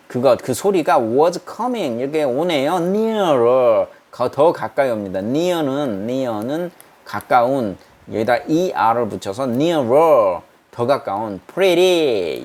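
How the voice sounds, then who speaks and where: A man giving a university English reading lesson in a small room that is not a studio. He reads English sentences slowly, then explains them in Korean and asks the class questions. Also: medium pitch, darkish tone. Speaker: English lecturer.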